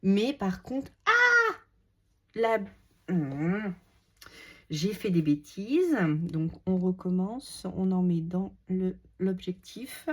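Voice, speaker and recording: A woman with a lingering cold talks her way through a scrapbooking demonstration, her voice sitting fairly low. She speaks slowly and unhurriedly, dropping chatty, self-mocking asides as she works. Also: dark tone. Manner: chatty, self-deprecating, muttering asides to herself. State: has a cold. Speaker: scrapbooking crafter demonstrating a page. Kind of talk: casual craft tutorial, talking while working.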